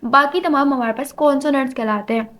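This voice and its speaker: High-voiced woman teaching grammar. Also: fast, a bit bright. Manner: explains step by step, mixing English terms into her talk. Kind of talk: classroom lecture.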